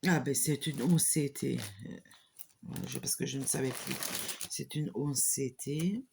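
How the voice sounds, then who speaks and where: A woman shows off a new craft kit in a casual vlog, speaking slowly and hesitantly with many pauses and restarts. She is recording away from home on a camera on a small tripod. A faint noise sits behind her voice. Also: a bass voice, gravelly, a little mellow. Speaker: hobby channel host.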